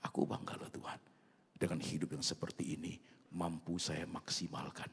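A man preaching a sermon as a pastor, mixing in English phrases and swinging between loud bursts and soft near-whispers. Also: deep voice, level tone, moderate pace, gravelly, husky. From Indonesia. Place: large church hall. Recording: long reverb of a large church hall.

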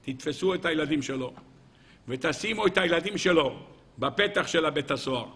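A man voicing a stern male intelligence chief who speaks low and quiet with a calculating edge. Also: lively intonation, slight background noise. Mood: scheming.

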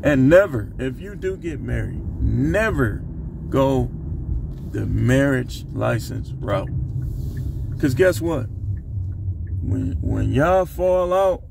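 This American vlogger in his fifties has a mid-range, animated voice and talks slowly, leaving long pauses. Speaking to camera from inside a car, he offers blunt, streetwise relationship advice in a casual monologue and keeps repeating phrases to drive them home. The audio, captured on a phone at arm's length, carries clear car and outdoor traffic noise.

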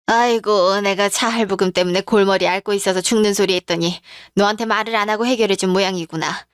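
A woman's voice: medium pitch, steady tone, fairly quick, clean tone, no room sound, clean studio sound, close to an everyday voice. A woman voicing a chatty older mother-in-law who frets and apologizes. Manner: chatty, fretting.

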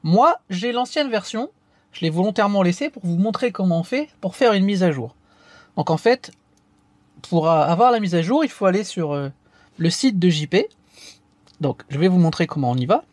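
A man's voice: sits high, expressive, moderate pace, dry recording. A man hosting a casual step-by-step tech tutorial, talking hesitantly with frequent fillers and restarts.

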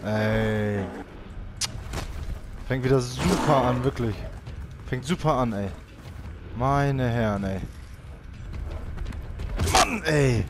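A young man talks through his gameplay in casual, exasperated bursts, at a mid pitch. Clear game noise runs under his voice. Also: slow pace, long pauses. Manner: frustrated, exclaiming, shouts high-pitched for help in panic. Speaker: let's play gamer. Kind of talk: let's play commentary.

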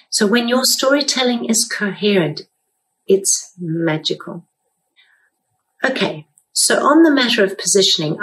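Older lady teaching storytelling, slow careful explaining, bit of fry in her voice. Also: fairly low pitch, a little hiss or hum, rough recording. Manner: measured, clear explanatory delivery. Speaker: storytelling speaker and author. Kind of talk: presenting a storytelling lesson.

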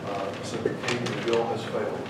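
A man's voice: medium pitch, little pitch movement. Echoey, distant man chairing a formal meeting. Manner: halting, procedural. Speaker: committee chair. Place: committee meeting room, indoors. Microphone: distant camera microphone. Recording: very echoey, noisy room, distant microphone.

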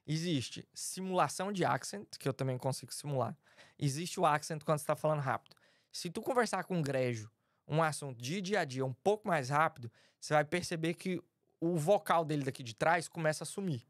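A man from Brazil, a podcast guest, telling stories in a casual, animated, slangy way. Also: fairly high pitch, fairly quick, no echo, studio quality. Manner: animated, acts out quoted dialogue, slangy. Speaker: podcast guest, design lead. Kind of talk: casual storytelling chat.

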